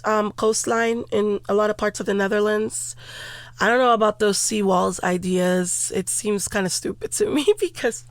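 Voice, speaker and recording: A woman's voice: on the high side, dry recording. A young woman co-hosting a casual podcast chat, candid and blunt, laughing easily. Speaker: podcast co-host.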